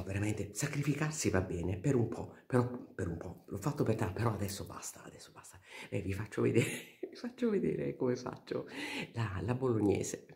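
An older woman with a hoarse voice chatting frankly in a home vlog, rambling and breaking off mid-sentence while she cooks and films on a handheld phone. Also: rumbling low, dark tone. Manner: rambling, self-interrupting, frank. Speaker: vlogger. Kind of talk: casual chat. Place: home kitchen, cooking.

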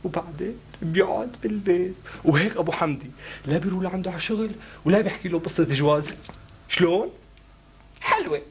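An actor playing a clever young brother who eagerly lays out a scheme. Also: male voice, sits high, fast talker, noisy background. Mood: plotting. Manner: eager, scheming, explains plans. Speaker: comedy actor. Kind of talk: sitcom acting.

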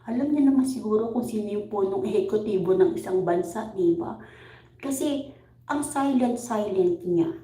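A woman's voice: medium pitch, normal speed, dark tone. A middle-aged woman from the Philippines, working abroad as a caregiver, chatting casually on her vlog. She laughs often and keeps asking her viewers "right?". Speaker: vlogger; overseas caregiver. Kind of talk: casual livestream chat reading comments. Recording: roomy echo.

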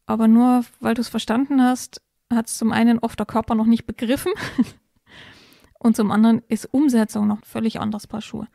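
A woman co-hosting a podcast, calmly explaining step-by-step advice in a casual conversation. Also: a little high, moderate pace, creaky, no room sound, studio quality. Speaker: podcast co-host explaining parenting topics.

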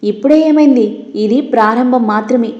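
A woman's voice: a little high, a little fast, roomy sound, highs cut off, close to an everyday voice. A woman voicing a stern, domineering older woman of the house who scolds and threatens harshly. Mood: angry, taunting.

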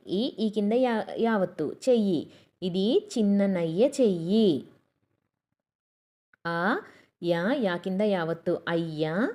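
Slow, patient woman teaching kids to read. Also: medium pitch, mellow. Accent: Telugu. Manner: patient, spells out each syllable and blends it into words. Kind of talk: slow syllable-by-syllable reading lesson for children.

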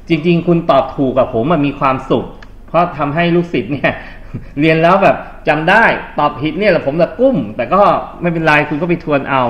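Thai guy teaching english, fairly high voice, patient and slow on the test lines. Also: highs cut off. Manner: patient, reads English sentences slowly, coaxing students. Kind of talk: classroom exam review lesson.

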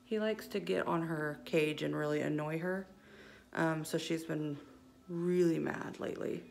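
A woman's voice: low voice, fairly even intonation, measured pace, creaky, darkish tone. A woman talking casually about her pet birds in a vlog, with frequent fillers. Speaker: pet vlogger.

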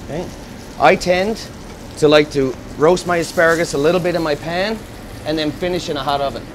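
Male executive chef, slightly high voice, lapel mic in a noisy restaurant kitchen. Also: fairly quick. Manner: steady instructive step-by-step explaining. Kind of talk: cooking demonstration. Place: restaurant kitchen at a gas range.

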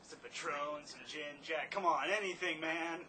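A man's voice: a little high, normal speed, sharp tone. A man cracking sarcastic jokes over an old movie in a basement. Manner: wisecracking, sarcastic. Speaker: movie riffing host. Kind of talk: joking commentary over a film. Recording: home recording with film noise behind.

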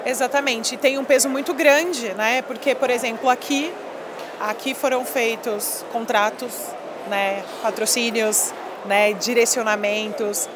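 In a noisy expo hall, a former volleyball player in her thirties gives a casual interview into a handheld mic held by the interviewer. Her voice is a little high and steady, her pace measured, and she speaks emphatically with plenty of small fillers.

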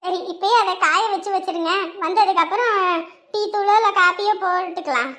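A woman's voice: very high voice, fairly quick, sharp tone. A woman playing a cheerful, fussing middle-aged mother-in-law in a family drama.

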